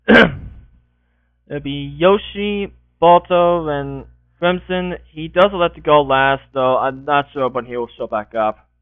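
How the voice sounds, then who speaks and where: A man's voice: a little high, clean tone, no room sound. A man hosting a casual group podcast call, moderating turns and encouraging the others. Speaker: podcast host. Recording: tinny phone-like call audio.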